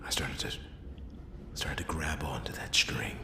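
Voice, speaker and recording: A man voicing a world-weary noir detective in a whispered role-play, brooding and halting, with dramatic pauses and a gravelly, breathy voice. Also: very deep voice, roomy sound, exaggerated voice. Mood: searching, uneasy. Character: world-weary male noir detective piecing together a murder.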